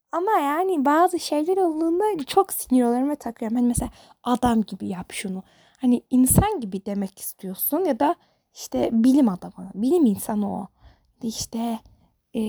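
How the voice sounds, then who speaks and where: A teenage girl, a high school student, rambling in an exasperated rant straight to camera. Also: moderate pace, creaky, darkish tone, no echo, clean studio sound. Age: teens. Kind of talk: casual monologue to camera.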